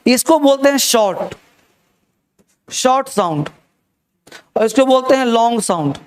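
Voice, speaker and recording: A man's voice: very high-pitched, lively intonation, a little slow, smooth. A man teaching a spelling lesson to a class, repeating key words and quizzing his students. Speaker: English teacher.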